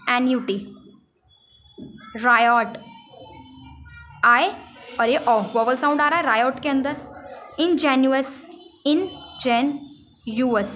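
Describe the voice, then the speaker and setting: A woman teaching a shorthand lesson, explaining signs on a board and slowly repeating each example word. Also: high-pitched, bright, forceful tone, a little hiss or hum. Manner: repeats example words slowly, drawing out syllables.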